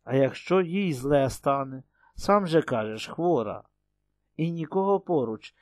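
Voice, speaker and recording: A man's voice: fairly high pitch, expressive, a little slow, darkish tone, no room sound. A man voicing a fretful older village mother who frightens easily. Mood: anxious.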